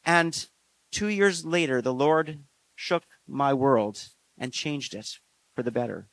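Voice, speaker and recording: A man preaching a sermon in an earnest, measured way, slowing down on key phrases. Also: medium pitch, fairly bright tone. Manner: earnest, measured delivery with slow emphatic phrases and frequent fillers.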